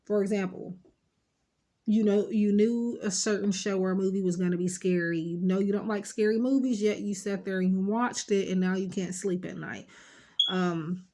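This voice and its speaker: This woman talks at a moderate pace with a steady, dark tone and medium pitch. Her nose is stuffed up and she sniffles as she rambles through a casual tarot reading, reassuring viewers directly with frequent fillers.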